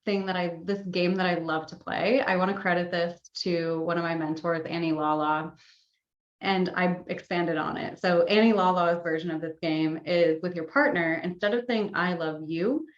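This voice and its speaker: A woman guest on a podcast, explaining in a gentle, unhurried coaching tone. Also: lowish voice, fairly even intonation, reverberant, lo-fi sound. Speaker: guest, sex and somatics coach. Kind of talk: casual podcast interview.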